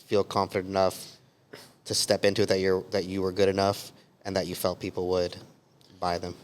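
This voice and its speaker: A man hosting an interview, asking calm, measured questions. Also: low-pitched. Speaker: podcast host.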